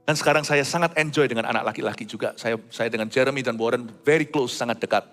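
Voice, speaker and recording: A middle-aged man preaching a sermon, swinging between loud high exclamations and hushed low asides. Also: fast talker, big-room sound, faint music behind. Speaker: pastor.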